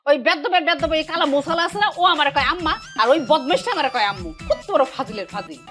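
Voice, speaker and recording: Scolding village mother, middle-aged, bright sharp voice, lively swings. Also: fast talker, soft background music. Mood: angry. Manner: scolding, shrill, ranting.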